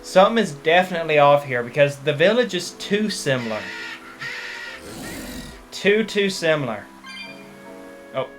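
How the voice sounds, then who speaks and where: A man hosting a let's play, giving relaxed, casual commentary with chuckling asides. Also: a little high, measured pace, long pauses. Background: game music.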